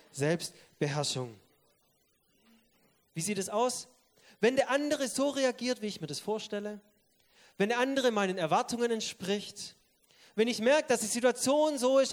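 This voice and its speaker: A man preaching a sermon, speaking straight to his listeners and swinging between loud stressed words and soft, quiet asides. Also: high-pitched, lively intonation, normal speed. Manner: emphatic, addresses listeners directly.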